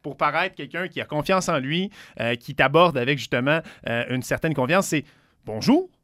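A man's voice: a little high, moderate pace, fairly bright tone, no echo, studio quality. A man with a Quebec French accent co-hosting a radio show, explaining things eagerly and acting out intonations between laughs. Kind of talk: casual radio chat.

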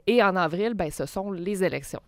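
A woman explaining politics in a measured radio discussion, with frequent hesitations. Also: fairly low pitch, lively intonation, no room sound. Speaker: political commentator.

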